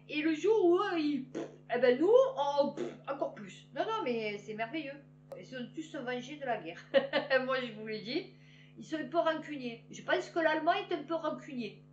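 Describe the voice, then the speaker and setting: A woman reading news headlines aloud and adding sarcastic, animated asides to her viewers. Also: high voice. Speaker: news commentator. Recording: roomy, dull lo-fi with faint hum.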